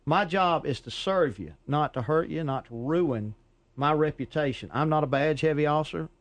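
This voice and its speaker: A man who is a police officer, a guest on a talk show, explaining things in a calm, measured way. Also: on the high side, dry recording. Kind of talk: radio talk show interview.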